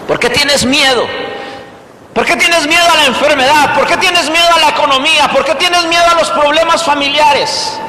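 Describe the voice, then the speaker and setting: A male pastor preaching a sermon, emphatic, with repeated rhetorical questions, swinging between loud and hushed delivery. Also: very high-pitched, moderate pace, slight background noise. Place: church hall. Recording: echoey hall reverb.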